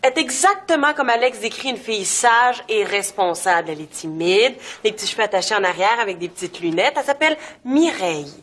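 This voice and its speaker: A woman's voice: medium pitch, animated, a little fast, few pauses, a bit bright, slight background noise, lightly acted. An actress with a Quebec French accent playing a young woman friend who makes dry, teasing comebacks. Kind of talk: sitcom acting.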